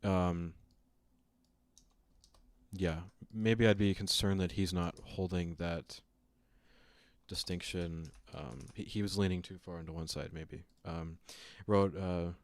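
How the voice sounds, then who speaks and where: A man's voice: low voice, steady tone, slow pace, dry recording. A man streaming a reaction to a lecture, talking to his chat with joking asides. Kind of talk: casual reaction commentary.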